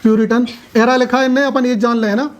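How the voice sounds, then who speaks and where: A man's voice: very high-pitched, little pitch movement, fast talker, muffled recording. Male tutor, classroom lecture, casual and talkative, keeps checking students follow. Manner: chatty, asks students questions, jokes. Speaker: coaching class teacher.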